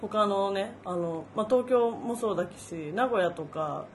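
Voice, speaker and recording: A woman's voice: medium pitch, lively intonation, a little slow, slight background noise. A woman co-hosting a casual chat radio show, reading listener mail aloud and chatting in an upbeat way with laughing asides. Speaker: radio co-host.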